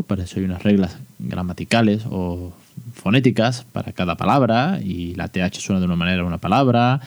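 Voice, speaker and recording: Dark-voiced chatty man. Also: on the low side, dry recording. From Spain. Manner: ironic, chatty, many fillers. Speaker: podcast host. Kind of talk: casual solo podcast talk.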